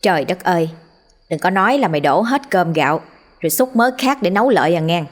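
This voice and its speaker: A woman with a Southern Vietnamese accent voicing a harsh rural mother who scolds her daughter fast and sharply. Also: fairly low pitch, lively intonation. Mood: scolding.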